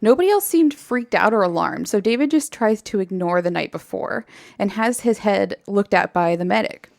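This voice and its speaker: A woman podcast host retelling a story in casual chat, animated and laughing often. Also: medium pitch, moderate pace, creaky, no echo, studio quality.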